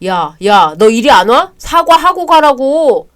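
A woman voicing a hot-tempered young husband who shouts harshly and bosses his younger brother around. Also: medium pitch, moderate pace, close to an everyday voice. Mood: angry.

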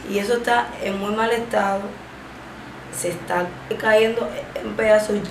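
Seated in a small indoor room, a Cuban-accented woman in her 20s speaks haltingly during an interview, offering personal testimony through a stammer and long, stretched fillers. Her pitch is medium and her tone steady, while the room echoes and background noise comes through.

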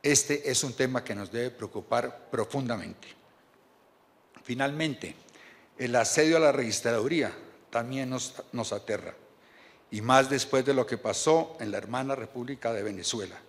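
In a large banquet hall, a Colombian man who chairs a board gives an earnest, measured speech, reading from paper at a podium microphone on a stand. His voice sits in the mid range, and he occasionally stumbles and restarts.

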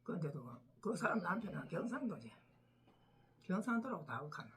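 An older woman from the Gyeongsang region with a Gyeongsang accent, chatting casually to camera at home over morning coffee. She teases her husband, laughs often and sometimes drops to a soft murmur. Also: on the low side, big pitch swings, a little fast, slight background noise. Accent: Gyeongsang Korean. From Gyeongsang region, Korea. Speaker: vlogger, home caregiver.

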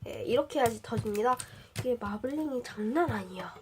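A woman's voice: on the high side, lively intonation, a little fast. A young woman with a slight cold showing slime to viewers in a casual chatty vlog, full of fillers and questions to the audience. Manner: chatty, many fillers, addresses viewers directly. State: has a cold, voice a bit changed. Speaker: slime reviewer. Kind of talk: casual show-and-tell vlog. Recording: noisy home recording.

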